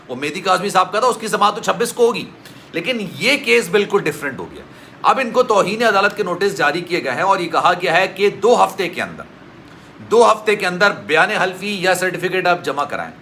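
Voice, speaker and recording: A man's voice: on the high side, sharp tone, a little hiss or hum. A man from Pakistan, hosting a news vlog and talking earnestly and formally, often addressing the viewer as "sir". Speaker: news vlogger. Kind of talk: news commentary monologue.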